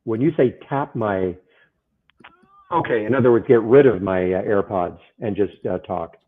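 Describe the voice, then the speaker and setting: A man hosting a trading live stream, talking in a hesitant, halting way, his voice muffled as if he were inside a fishbowl. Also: fairly low pitch, husky. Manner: hesitant, halting, repeats himself. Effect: muffled sound, as if inside a fishbowl. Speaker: day-trading livestream host. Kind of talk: casual live-stream chat. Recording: muffled, tinny wrong-mic audio.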